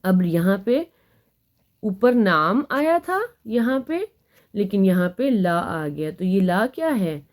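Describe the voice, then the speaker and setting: A woman teaching an Arabic grammar lesson, patiently explaining and reading example sentences slowly before translating them. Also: mid-range voice, lively intonation.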